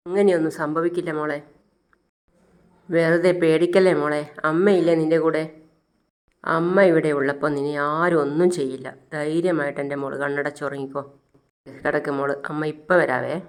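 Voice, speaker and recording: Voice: mid-range voice, steady tone, normal speed, close to an everyday voice. A storyteller voicing a tender mother who soothes her frightened little daughter to sleep. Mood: soothing. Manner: gentle, soothing.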